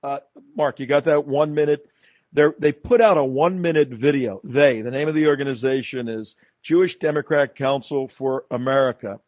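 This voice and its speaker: An emphatic man hosts a talk radio show, pressing his argument in long, run-on sentences. His voice sits at an ordinary pitch. The studio sound is dry and a bit dull. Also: normal speed, darkish tone, dry recording.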